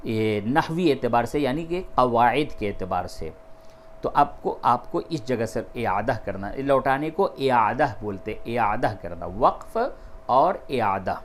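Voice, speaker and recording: Man, patient Quran recitation tutor, mid-pitched, explains rules slowly, repeats terms. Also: lively intonation, a little hiss or hum. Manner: switches between plain explanation and slow, drawn-out melodic recitation. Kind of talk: step-by-step tajweed lesson.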